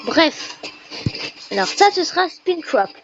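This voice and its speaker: A woman giving casual, chatty and playful commentary while playing a game, with sudden excited squeals. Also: on the high side, takes it slowly, faint music behind. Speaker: gamer. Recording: dull lo-fi recording with faint noise.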